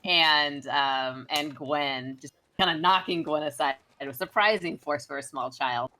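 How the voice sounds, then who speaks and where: A woman's voice: deep voice, measured pace, pushed and bright. A woman narrating as game master, chatty and giggly with lots of filler words.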